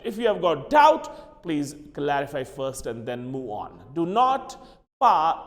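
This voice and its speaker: During a classroom pronunciation lesson, a male English teacher with a mid-range voice drills words, repeating them slowly. He alternates between English and Hindi, and the room adds a long reverb.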